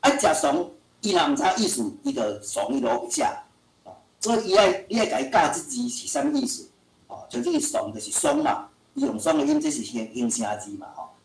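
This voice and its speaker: A man's voice: on the high side, huge pitch swings, fairly quick, gravelly. A male lecturer giving an online language lesson in a chatty way, full of filler sounds. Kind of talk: online teaching talk. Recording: roomy echo.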